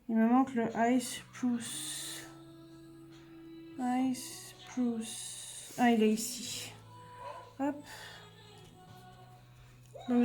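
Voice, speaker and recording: Woman, French speaker, craft vlog narration, unhurried, soft music behind. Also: fairly high pitch. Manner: chatty, muttering to herself while searching. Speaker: craft video host. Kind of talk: casual craft demonstration.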